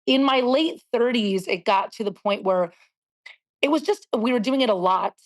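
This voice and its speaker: A woman in her forties, a singer being interviewed, talking candidly and reflectively, often pausing to search for words. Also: fairly high pitch. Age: 40s. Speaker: guest singer.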